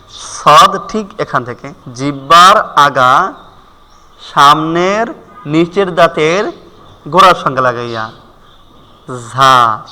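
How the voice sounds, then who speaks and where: A man leads a Quran pronunciation lesson at a very slow, careful pace, repeating each drawn-out letter. His voice is very bright and slightly high. A long reverb trails behind every word. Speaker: Quran recitation teacher.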